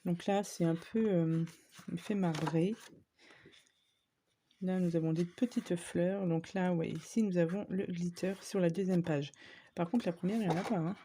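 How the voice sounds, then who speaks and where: Showing viewers her latest craft-supply haul, a woman who vlogs about scrapbooking talks casually, with plenty of fillers and small side comments. Her voice is on the low side, mellow and fairly even at a normal speed, with slight background noise.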